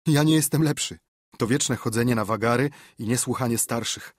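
A man voicing a frightened, excitable young boy in an audiobook, speaking in an urgent, higher whisper. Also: normal speed, no echo, clean studio sound, lightly acted. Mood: remorseful.

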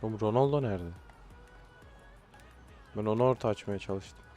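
A young man talks over his own football video game match in a low voice. He mutters, then bursts out in frustration at his players. Faint music plays behind him. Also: moderate pace, mellow. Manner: frustrated outbursts, swearing at players. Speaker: gaming YouTuber. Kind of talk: live gameplay commentary.

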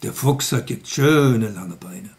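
Male children's storyteller: slow, gravelly, playful, addresses the kids directly. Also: on the low side, animated, darkish tone. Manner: playful, chatty, asks the kids questions.

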